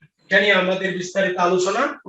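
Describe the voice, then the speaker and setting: A man's voice: high voice, level tone, brisk, pushed and bright. A man teaching a grammar lesson, repeating each question and answer and checking with his students. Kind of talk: online grammar lecture. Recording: roomy, distant, dull lo-fi audio.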